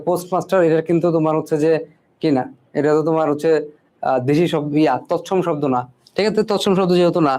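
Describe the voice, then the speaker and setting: A male teacher walks students through a spelling lesson. His voice is mellow and dark in tone and pitched a little high for a man. He repeats each word several times and keeps checking in with his listeners. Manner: repeats words and keeps asking "ঠিক আছে?".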